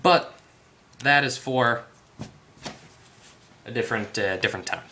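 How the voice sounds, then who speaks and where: Over slight background noise, a man with a mid-range, sharp-toned voice speaks a little slowly. He hosts a hands-on electronics repair tutorial, casually improvising his explanations, thinking out loud, and correcting himself as he goes.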